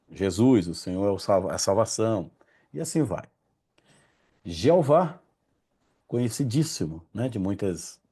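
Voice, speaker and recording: A man's voice: fairly low pitch, dark tone. A man leading an informal religious study group, often stopping to correct himself and admitting he struggles to pronounce Hebrew names. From Brazil.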